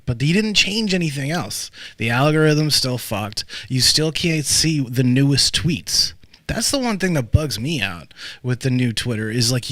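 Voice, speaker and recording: A man's voice: mid-range voice, a bit bright, no echo. A man hosting a podcast interview, chatting loosely with lots of fillers and restarts. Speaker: podcast host.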